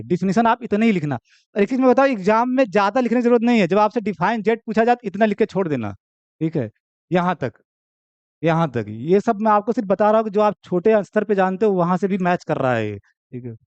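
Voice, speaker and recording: A man's voice: high voice, expressive, fast talker, a little mellow, dry recording, lo-fi sound. A young man teaching university maths in Hindi in a chatty lecture style, with joking asides, who keeps asking "theek hai?". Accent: Hindi, Uttar Pradesh. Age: young adult. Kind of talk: classroom lecture.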